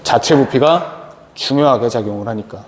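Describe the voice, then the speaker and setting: A man with a medium-pitched voice at normal speed gives a chemistry lecture, posing questions and answering them himself. The recording has long reverb and faint noise.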